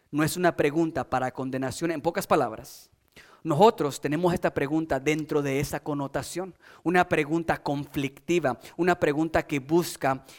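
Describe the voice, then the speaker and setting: A man preaching a sermon as pastor, building emphasis through repetition and dropping into soft, low asides.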